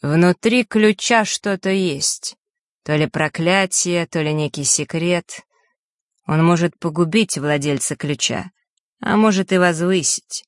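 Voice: medium pitch, slow pace, no echo, clean studio sound, natural voice. A reader voicing a smug scheming teenage boy. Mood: thoughtful. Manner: smooth, mock-polite, sneering. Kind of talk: audiobook character reading.

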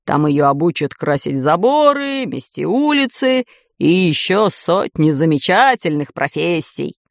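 A woman voicing a blustering, cowardly middle-aged man who shouts in panic and turns to sarcastic cheer, in a storybook reading. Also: on the low side, slow pace, no room sound, clean studio sound.

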